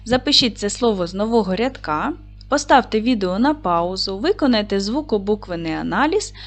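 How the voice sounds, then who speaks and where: A woman teacher giving a video lesson to young children, speaking slowly and clearly, drawing out words for dictation and encouraging the class. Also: mid-range voice, lively intonation. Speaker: primary school teacher.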